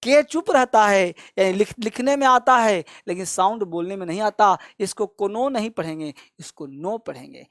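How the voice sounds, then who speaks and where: A man's voice: high voice, animated, moderate pace, few pauses, a bit bright, no room sound. Patient man drilling a lesson, dry sound. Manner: repeats each rule over and over, coaxing students; fond, familiar address to viewers as friends and kids. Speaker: spoken English teacher. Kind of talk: classroom lesson explanation.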